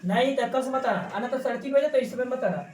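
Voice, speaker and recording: In a roomy classroom that echoes, a woman with a fairly high voice teaches maths at a fast pace, saying each key term more than once and keeping her students on their toes with questions. She's picked up from a distance, with faint noise in the background.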